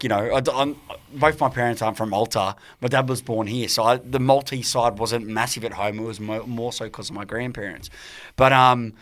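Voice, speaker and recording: A young Australian man in his late twenties talks casually as a podcast guest. His pitch sits in an ordinary middle range. He rambles and restarts words as he tells his stories. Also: fairly bright tone. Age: 20s. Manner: rambling, repeats words while telling stories. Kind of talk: casual chat.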